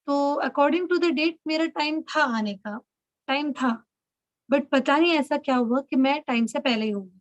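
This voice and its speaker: A woman's voice: sits high, measured pace, dry recording, highs cut off. A woman leading an online session for young women, talking in an instructive way and often checking that she is understood. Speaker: spiritual mentor leading an online girls' session. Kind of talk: instructive talk in Hindi-English mix.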